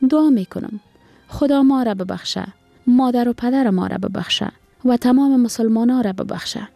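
A woman's voice: on the high side, vocal fry, mellow, no echo, faint music behind, voice pushed up. A woman voicing an earnest orphan girl. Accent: Afghan Dari. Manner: raised childlike voice, plain Dari dialect. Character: green-eyed little girl, orphaned, earnest.

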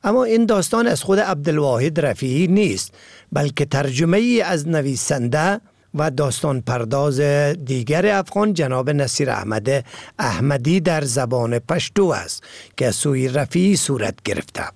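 A man hosts a radio program, introducing in a brisk, formal way. His voice is slightly high and gravelly, recorded dry with faint music behind. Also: lively intonation, a little mellow, no room sound. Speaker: radio host. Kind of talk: radio announcing.

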